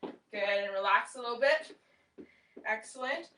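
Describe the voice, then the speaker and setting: A woman's voice: fairly high pitch, a little slow, noisy background. A young woman leading a home workout class, cueing exercises and counting reps with encouragement as she moves. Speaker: fitness instructor. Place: small room at home, indoors. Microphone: far camera across the room. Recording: roomy echo, distant camera mic.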